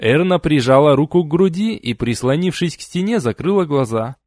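Male audiobook narrator, lively expressive reading, dry close sound. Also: fairly high pitch, fairly quick, dry recording. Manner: expressive, voices each character.

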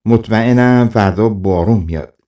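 A man's voice: fairly low pitch, dark tone, lightly acted. A man voicing a clever, cheeky wandering trickster in a folk tale audiobook, speaking slyly and self-assured.

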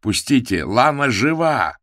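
A man voicing a terrified young man who shouts and begs for his life in a dark audiobook scene. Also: medium pitch, big pitch swings, measured pace, no room sound, studio quality, pitched above the performer's own voice. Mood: panicked shouting. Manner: shouting, pleading, strained.

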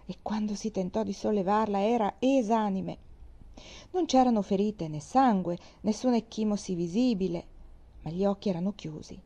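A woman narrating a classic novel aloud as an audiobook reader, measured and expressive. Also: medium pitch. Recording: dull lo-fi recording.

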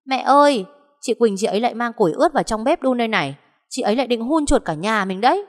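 A woman voicing a spoiled, sly teenage younger sister who talks in a shrill, bossy, whiny way, with a long echoing reverb. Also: lively intonation, fairly quick, darkish tone, close to an everyday voice.

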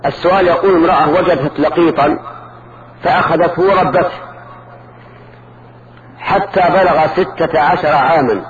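A man's voice: on the high side, moderate pace, pauses often, dull audio, a crowd in the background. A man teaching Arabic grammar in a lesson, patiently repeating word forms and checking that students follow.

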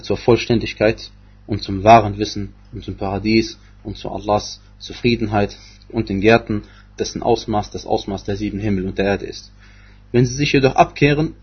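Husky low-voiced man teaching scripture. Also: highs cut off. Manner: hesitant, many fillers and restarts. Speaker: Quran exegesis teacher. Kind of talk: religious lecture.

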